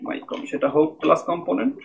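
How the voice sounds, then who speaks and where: A man's voice: on the high side, lively intonation, very fast, creaky. A man giving a screen-recorded coding lesson, explaining step by step and often checking in with "okay?". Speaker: programming tutor. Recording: tinny phone-like mic with faint noise.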